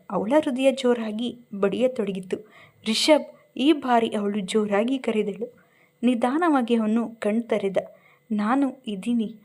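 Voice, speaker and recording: A woman's voice: a little high, darkish tone. A woman narrating a romantic drama story from a script, reading expressively.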